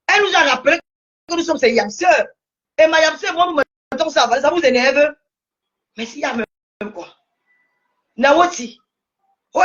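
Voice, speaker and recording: A woman's voice: high voice, fairly bright tone, dull audio. A woman with a Cameroonian French accent in a heated, scolding social media rant, repeating herself, her voice cracking at times. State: angry.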